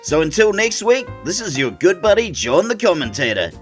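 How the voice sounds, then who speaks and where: A man's voice: sits high, sing-song, normal speed. A man calling wrestling play-by-play as the show's commentator and host, sardonic and opinionated, with mock-grumpy asides. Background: music.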